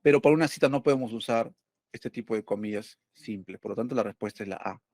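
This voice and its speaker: A man's voice: fairly low pitch, quick pace, darkish tone, no echo, clean studio sound. A male teacher going over test questions, explaining step by step and asking and answering his own questions.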